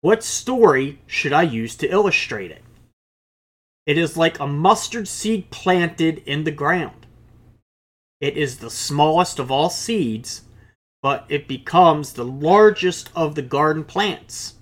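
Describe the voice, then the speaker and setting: Slow-preaching male pastor. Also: fairly high pitch, expressive. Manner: slow, deliberate preaching with casual asides. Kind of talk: sermon with scripture reading.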